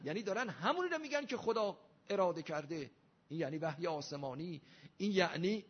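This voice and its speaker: A man's voice: a little high, breathy edge. A man giving a religious lecture, arguing with rhetorical questions and emphatic rising delivery. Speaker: Shia cleric lecturer. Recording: dull lo-fi recording.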